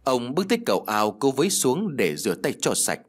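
A man reading a ghost story aloud as narrator, in a steady, expressive way. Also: medium pitch, fairly quick.

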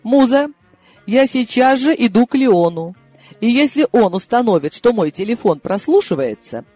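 A man reading an audiobook and voicing a sharp, sarcastic elderly grandmother who orders her granddaughter about. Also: very high-pitched, sing-song, moderate pace, dry recording, soft background music, voice pushed up, exaggerated voice. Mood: bossy, teasing. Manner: bossy, teasing.

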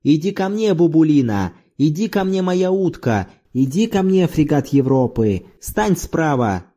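A man's voice: fairly high pitch, very animated, unhurried, voice pushed up. A man reading an audiobook, voicing an exuberant, playful middle-aged man who half-chants like a church singer. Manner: loud, theatrical, mock-chanting like church singing. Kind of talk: audiobook character voice.

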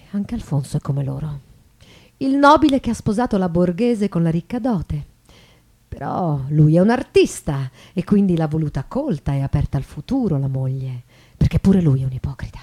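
With live guitar behind her, a woman performs a theatrical confessional monologue as an embittered, elegant, ironically proud bourgeois wife of the 1800s, shifting from hushed to declamatory. She uses a full character voice that is lowish, gravelly and husky.

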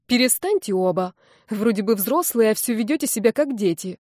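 A woman's voice: a little high, lively intonation, brisk, darkish tone, dry recording, clean studio sound. A woman doing a stern nosy mother. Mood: scolding. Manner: scolding, curious.

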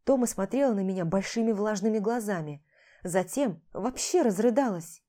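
A woman's voice: mid-range voice, moderate pace, mellow. A woman narrating a novel in the first person, with a tired, sardonic edge in the lead's lines. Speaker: audiobook narrator.

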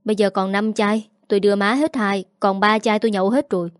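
A woman's voice: medium pitch, fairly even intonation, fast talker, no echo, clean studio sound, natural voice. A woman doing a sulky young gambler son. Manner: sulky, evasive, whiny.

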